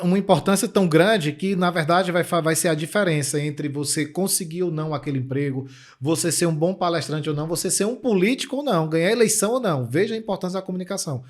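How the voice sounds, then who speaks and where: A man with a Brazilian accent hosting an interview podcast, enthusiastic and repeating words as he searches for them. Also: fairly high pitch. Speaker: podcast host.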